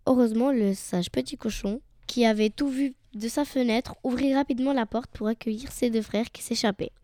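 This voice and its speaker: Mellow woman reading a children's tale. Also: fairly high pitch, moderate pace, dry recording. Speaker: storyteller. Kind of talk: storybook narration.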